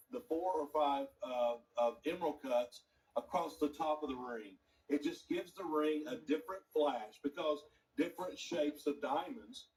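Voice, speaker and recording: A man's voice: a little high, a little mellow, recorded from a distance, poor audio. Upbeat man hosting a shopping show. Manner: enthusiastic, chatty salesman patter. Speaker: TV shopping host and gemologist. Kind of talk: live home shopping presentation.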